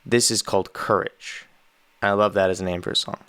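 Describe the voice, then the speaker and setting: A man's voice: sits low, fairly even intonation, brisk, fairly bright tone, clear, resonant tone, no room sound. A Canadian man, a musician, giving enthusiastic, rambling casual commentary as he reacts to an album.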